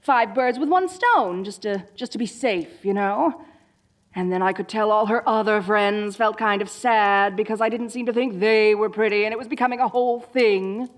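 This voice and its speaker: In a comedic roleplay audio drama, a woman voices a dorky, theatrical evil sorceress queen who is grandiose and gleefully wicked but also soft-hearted and awkwardly chatty. Her natural voice sits at medium pitch and moves at a moderate pace, with a chatty, smug mood.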